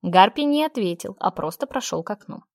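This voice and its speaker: A woman reading a novel aloud as an audiobook narrator, in a steady, measured storytelling manner. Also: medium pitch, no room sound, clean studio sound. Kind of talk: scripted narration.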